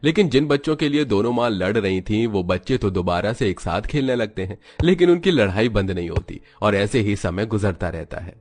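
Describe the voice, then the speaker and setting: A man narrating an animated moral story in a scripted, even storytelling way. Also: lowish voice, a little fast, few pauses.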